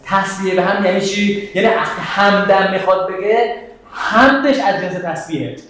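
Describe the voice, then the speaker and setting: A man's voice: sits high, a bit bright, slight background noise. A man teaching a Quranic exegesis class, explaining step by step, quoting Arabic verses and questioning his students. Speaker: religious teacher. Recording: very echoey classroom.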